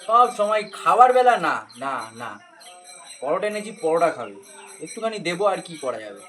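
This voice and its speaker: A man's voice: a little high, very animated, moderate pace, pushed and bright, slight background noise. A young man from West Bengal filming a casual village vlog, chatting along and coaxing his little daughter, on a handheld phone at a rainy village home. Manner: chatty, coaxing a small child. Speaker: vlogger. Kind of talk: casual daily-life vlog chat. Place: village home, partly outdoors in rain.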